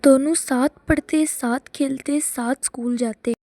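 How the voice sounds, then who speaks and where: A woman narrating a moral story for children in a calm storybook manner. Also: high-pitched, dry recording. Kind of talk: scripted narration of a moral tale.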